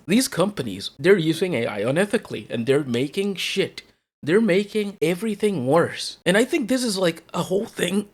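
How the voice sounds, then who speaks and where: Exasperated man on an escalating, sweary rant. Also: on the high side. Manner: casual, heavily profane talk. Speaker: host of a solo rant show. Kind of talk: unscripted, rambling rant.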